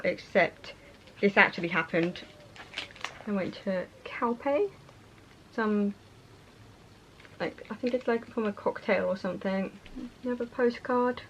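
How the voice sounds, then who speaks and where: A young British woman chatting casually and a little hesitantly as she shows things to viewers in a vlog. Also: mid-range voice. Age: young adult. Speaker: vlogger. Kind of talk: casual show-and-tell chat. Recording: muffled sound with faint noise.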